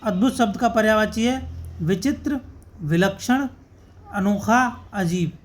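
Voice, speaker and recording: A teacher giving an exam-prep lesson, reading out word lists one by one and adding short spelling corrections. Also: medium pitch. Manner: steady dictation of word lists, pausing after each word; adds brief asides to correct spellings.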